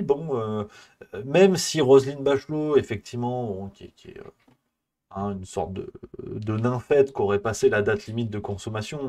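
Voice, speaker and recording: A man hosting a live stream, ranting in a casual satirical way, rambling and mocking with many hesitations. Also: on the low side.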